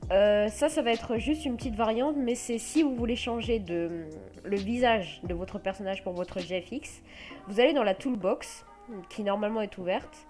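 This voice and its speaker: A woman's voice: medium pitch, normal speed, a little mellow, soft background music. Hesitant French woman walking through a tutorial. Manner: many hesitant "euh" fillers. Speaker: tutorial host. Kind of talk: casual screen-recorded software tutorial.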